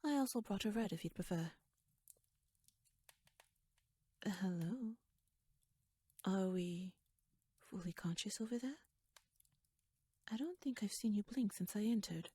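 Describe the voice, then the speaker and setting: A woman acts a shrewd, teasing young noblewoman who is also a poised royal chancellor, in an ASMR roleplay delivered as a dramatic monologue. Her breathy, mid-range voice is warm and expressive, with no room sound. She speaks in a wry, courteous, courtly way, measured and probing.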